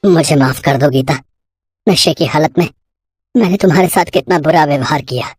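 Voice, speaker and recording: A woman's voice: low voice, normal speed, a little mellow, slightly rough, no echo, clean studio sound, voice pushed down. Woman doing a remorseful drunkard husband. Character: repentant drunkard husband, adult man, remorseful.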